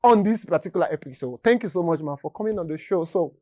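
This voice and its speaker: A woman's voice: on the low side, animated, quick pace, dark tone, no echo, clean studio sound. A woman hosting a podcast, eagerly encouraging her guest and finishing her sentences. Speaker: podcast host. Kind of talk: casual interview.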